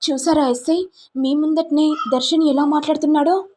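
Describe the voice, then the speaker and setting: A woman's voice: high-pitched, fairly even intonation, darkish tone, a little hiss or hum, pitched above the performer's own voice, lightly acted. A woman voicing an insistent manipulative young woman. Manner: insistent, quick.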